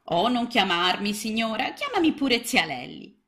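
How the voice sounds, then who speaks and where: A fussy, doting mother frog from a storybook, bustling and motherly, her voice pitched up a touch and full of lilt, as a woman narrator puts her on. She fusses warmly over the little one she has taken in. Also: sing-song, normal speed. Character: motherly middle-aged female frog, fussy housewife.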